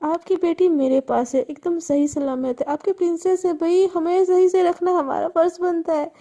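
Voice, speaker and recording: A woman's voice: high-pitched, a little slow, warm tone. A woman voicing a scheming middle-aged father who taunts and mocks his captives. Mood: gloating. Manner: taunting, mocking.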